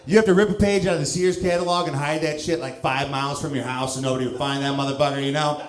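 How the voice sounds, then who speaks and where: A man in his thirties, originally from St. Louis, works a club stage with a handheld mic in a loose, self-mocking style, chuckling through his lines. His voice sits a touch high for a man. The room gives it a roomy echo. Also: fairly even intonation, fairly quick. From St. Louis, Missouri, USA. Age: 30s. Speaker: stand-up comedian. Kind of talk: stand-up comedy set.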